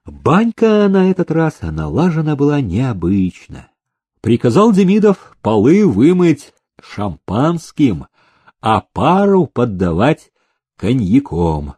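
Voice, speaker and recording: A man narrating a story in a measured, expressive storytelling manner. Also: mid-range voice, breathy edge, no room sound. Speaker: audiobook reader. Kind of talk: scripted narration.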